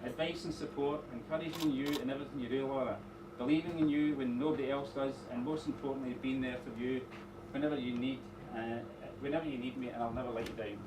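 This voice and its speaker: A middle-aged man giving an informal wedding speech as father of the bride, rambling a little with pauses and dry teasing asides. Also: mid-range voice, fairly even intonation. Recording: echoey room, distant mic, noisy background.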